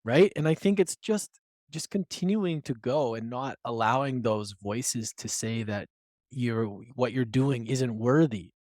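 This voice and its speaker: A man's voice: mid-range voice, measured pace, a little mellow, dry recording, clean studio sound. A man hosting a podcast, speaking enthusiastically and asking his guest probing questions. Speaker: podcast host. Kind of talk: casual interview.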